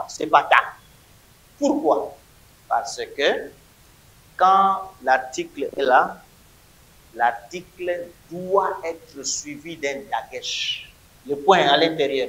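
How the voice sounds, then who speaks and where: A man's voice: fairly high pitch, a bit bright. Emphatic man teaching in an echoey classroom. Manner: emphatic, repeats words for drilling. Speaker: Hebrew teacher. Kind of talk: classroom grammar lesson.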